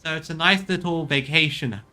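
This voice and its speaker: A man's voice: fairly high pitch, moderate pace, pushed and bright. A man giving casual playthrough commentary as a gaming streamer, with wry, off-the-cuff asides.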